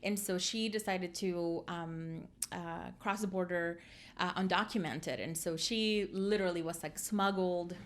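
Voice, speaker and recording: A woman in her forties from El Salvador, a therapist telling her story in a casual interview, reflective and halting with many fillers. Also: lowish voice, fairly even intonation. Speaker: guest therapist.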